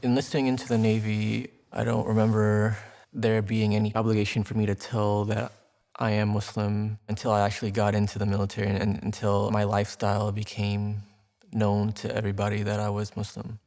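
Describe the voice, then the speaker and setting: Flat-voiced earnest young man. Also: lowish voice. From Texas, United States. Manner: earnest, measured, with small restarts. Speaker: Navy veteran. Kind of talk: documentary interview.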